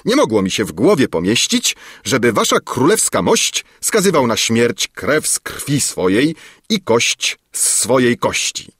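A man's voice: mid-range voice, wildly swooping pitch, unhurried, fairly bright tone, breathy edge, dry recording, studio quality, pitched above the performer's own voice, heavily acted. Man doing a stiff, dutiful old army captain. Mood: earnest. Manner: earnest, formal.

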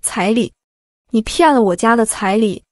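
A woman voicing a shrill, vulgar middle-aged mother who shrieks insults and wails theatrically. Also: normal speed, dry recording, clean studio sound, natural voice. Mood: spiteful. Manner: shrieking abuse, theatrical wailing.

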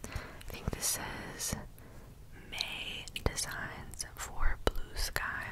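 A woman hosting an ASMR video in a breathy whisper, casually describing items in hushed remarks. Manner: slow, gentle-paced, hushed casual remarks.

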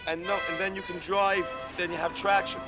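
A man's voice: sits high, little pitch movement, a little fast. A man teasing and joking with his family in a home video, heard through old camcorder audio. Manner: joking, teasing, coaxing the kids. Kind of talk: casual family banter. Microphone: built-in camcorder mic. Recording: muffled old camcorder audio with loud music.

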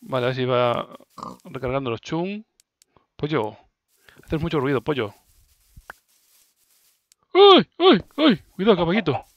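A man's voice: mid-range voice, expressive, moderate pace, long pauses, no echo, lo-fi sound. A man with an accent from Spain doing casual let's play commentary, playfully talking to game creatures and repeating his words. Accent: Spanish (Spain). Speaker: gaming video host.

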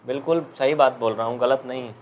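Man, maths teacher, joking, chatty, slow dictation, faint background hiss. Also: medium pitch, fairly even intonation, lo-fi sound. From India. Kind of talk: live online maths class.

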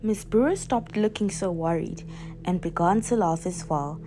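A woman reading a children's story aloud in an expressive storybook style. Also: on the low side, moderate pace, soft background music.

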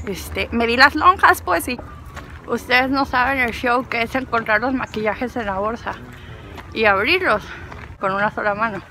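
A woman's voice: fairly high pitch, sharp tone, slight background noise. A woman with a Mexican accent vlogging casually while walking through an outdoor park, chatting playfully and rambling to herself and the camera.

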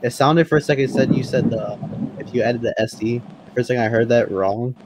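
A man's voice: mid-range voice, brisk, a little mellow, low-quality recording. A man chatting casually over voice chat while playing a game, rambling and laughing, often restarting his sentences. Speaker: voice chat role-player. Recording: faint background noise.

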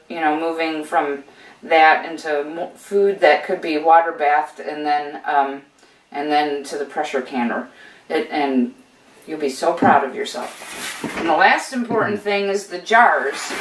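Standing in her home kitchen among steel counters, the older host of a homesteading channel walks viewers through her gear in a friendly, encouraging way, stumbling over fillers and restarts. She's American, with a low-sitting voice, fairly steady intonation, and a measured pace. The mic is distant, so her voice sounds off-axis and echoey.

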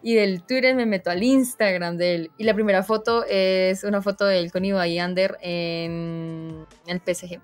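A young woman, a streamer being interviewed, telling stories in a casual, animated way and acting out her own reactions. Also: on the low side, moderate pace, smooth, soft background music. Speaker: streamer guest.

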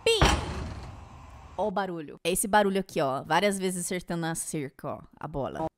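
A young woman from Brazil doing casual reaction commentary, chatty and joking, swinging between loud outbursts and low asides. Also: a little fast, very noisy.

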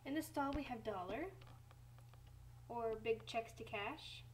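A chatty young barn hand shows visitors around a toy stable in a doll video, voiced by a teen girl. The voice sits fairly high and talks in a hesitant, rambling way, pausing and correcting itself. A faint hum runs underneath. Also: lightly acted, poor audio. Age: late teens. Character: young woman barn worker giving a tour. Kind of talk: doll video role-play narration. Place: home room, doll barn set.

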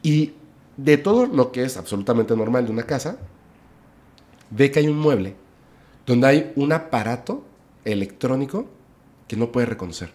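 A man, a podcast guest, telling a story in casual chat, lively, often adding "o sea" and "¿no?". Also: medium pitch, normal speed, long pauses. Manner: lively retelling, with "o sea" and "¿no?" tags.

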